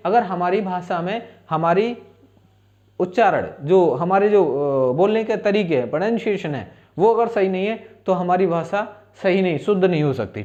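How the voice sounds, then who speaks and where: A man's voice: high voice, darkish tone, highs cut off. A male teacher giving a spoken-English lesson, asking questions and answering them himself in repeat-after-me drills.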